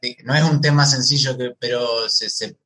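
A man steers the interview, asking short follow-up questions and agreeing briefly. His voice sits at an average pitch for a man. He speaks plainly and without fuss. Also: fairly even intonation, normal speed, bright, forceful tone.

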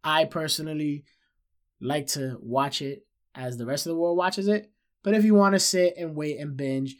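A man in his thirties with a nasal, stuffed-up voice, a little short of breath, hosting a casual pop-culture podcast and leaning on repetition for emphasis. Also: medium pitch. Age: 30s. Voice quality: nasal, congested. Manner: emphatic repetition, addresses listeners as guys. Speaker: podcast host.

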